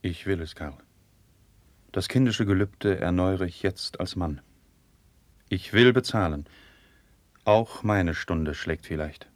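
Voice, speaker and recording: An actor playing a loyal nobleman and childhood friend of a prince, speaking classical verse in a measured, earnest way. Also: deep voice, no echo. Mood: solemn. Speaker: actor in a radio play. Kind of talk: classical verse radio drama.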